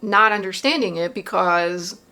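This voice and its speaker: A woman's voice: medium pitch, measured pace, bright, forceful tone. A woman vlogger recounting a personal experience in a casual confessional monologue, rambling with lots of fillers and tag questions.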